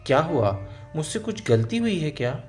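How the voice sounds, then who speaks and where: A man voicing a gentle, respectful young daughter-in-law who pleads softly in a storybook tale. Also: a little high, very animated, moderate pace, faint music behind, pitched above the performer's own voice. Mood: pleading gentle. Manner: soft, pleading and polite.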